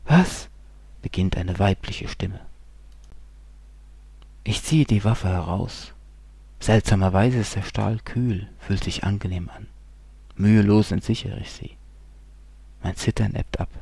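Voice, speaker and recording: A man with a low, gravelly voice narrates a bleak horror tale in the first person. His tone is dark and husky, brooding and unhurried, sinking again and again into hushed whispers. The sound is dry and close. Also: no room sound. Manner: brooding, slow, drops often into hushed whispers.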